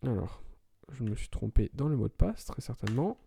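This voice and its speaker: Mellow-voiced man explaining commands. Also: mid-range voice, very animated, a little fast, vocal fry, a little hiss or hum. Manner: talks through commands step by step, with self-corrections. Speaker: tutorial presenter. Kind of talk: screen-recorded IT tutorial.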